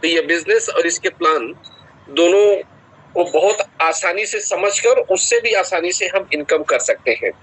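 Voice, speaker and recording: A man joining an online meeting, speaking politely in slow, deliberate phrases about his earnings. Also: high voice, lively intonation, fairly bright tone, poor audio. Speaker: meeting participant sharing earnings. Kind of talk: formal remarks on a video call.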